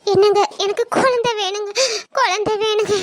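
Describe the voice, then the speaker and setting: A woman's voice: very high-pitched, moderate pace, a bit bright. A woman playing a tearful young wife who begs her husband for a baby, in a pleading voice. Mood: crying.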